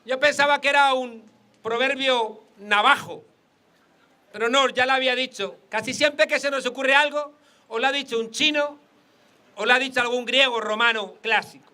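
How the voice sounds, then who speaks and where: A man with a Spain Spanish accent addresses a crowd at an outdoor political rally. His voice sits very high and rings tense and bright. He builds his points through jokes and hammering repetition. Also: fairly even intonation, normal speed. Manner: rhetorical, joke-telling, repeats for emphasis.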